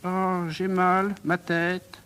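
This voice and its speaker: A man's voice: high-pitched, completely flat delivery, extremely slow, a bit bright, clean tone, full character voice. A man voicing a whiny, aching young pupil. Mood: faint.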